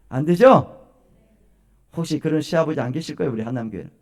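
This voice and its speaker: A male pastor giving a sermon at a church service, telling stories and asking questions of the congregation. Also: fairly high pitch. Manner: animated storytelling, questions to the congregation.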